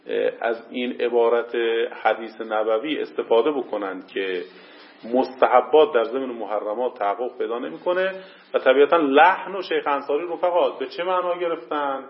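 A man teaching a seminary class, reading out Arabic passages and explaining them, with pauses and questions to his students. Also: mid-range voice. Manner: hesitant fillers, questions to the class. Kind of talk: classroom lecture on a legal text. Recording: dull lo-fi classroom recording.

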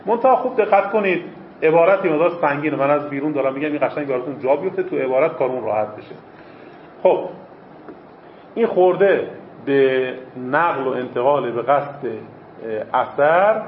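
A man with a slightly high, animated voice lectures a seminary class on Islamic jurisprudence, posing rhetorical questions, answering them himself, and repeating key phrases for emphasis. There's a faint hiss or hum, and the classroom recording is echoey, dull, and lo-fi.

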